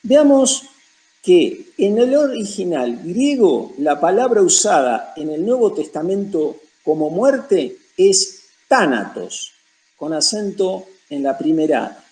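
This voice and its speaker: High-voiced Argentine man teaching the Bible. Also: sing-song, slow pace, a little mellow, rough recording. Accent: Rioplatense Argentine. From Buenos Aires province, Argentina. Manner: emphatic, lists points one after another.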